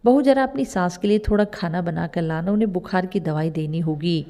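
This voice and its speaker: A gruff, quick-tempered old father from a storybook tale, read out by a woman. His voice is mellow and low, and his lines come out stern and scolding. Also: close to an everyday voice. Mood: concerned.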